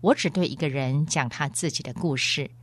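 A woman voicing a great male lion who is wise, gentle and stern, speaking in a calm, measured, fatherly way. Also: low voice.

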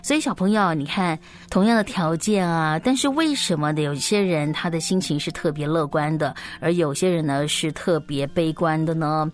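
Her voice is low and her pace moderate, with few pauses, as she presents a children's story programme. She uses animated, simple, explanatory phrasing as if reading to small children, finishing many sentences with soft particles.

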